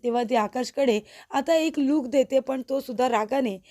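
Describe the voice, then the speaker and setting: Mellow woman narrating a serial recap. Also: high voice, normal speed. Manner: storytelling, retelling scenes.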